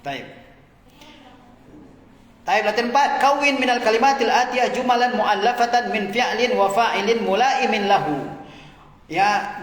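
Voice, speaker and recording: High-voiced male Arabic teacher in echoey hall. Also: a bit bright. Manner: patient, explains word by word, light chuckles. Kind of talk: classroom grammar lesson. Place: classroom. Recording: echoey room with long reverb.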